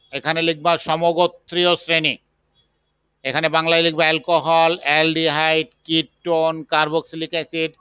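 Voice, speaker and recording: A man teaching a chemistry class, slowly dictating the material. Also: a little high, pushed and bright, smooth, dry recording. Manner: slow, patient dictation. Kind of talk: classroom lecture.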